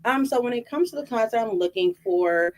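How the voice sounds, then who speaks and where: A woman's voice: on the high side, expressive, normal speed, darkish tone. Woman, interview guest, earnest, reassuring, casual talk. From Dallas-Fort Worth area. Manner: earnest, affirming.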